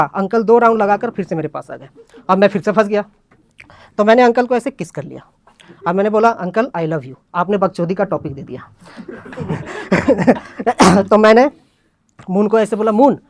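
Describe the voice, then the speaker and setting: A young man with a high voice tells a comic story at an open mic, acting out his friends' voices in a lively retelling. The recording is dry.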